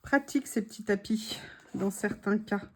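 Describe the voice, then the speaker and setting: A woman's voice: medium pitch, normal speed. A woman chatting casually while she crafts, thinking aloud and sometimes dropping to a murmur. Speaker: crafting vlogger.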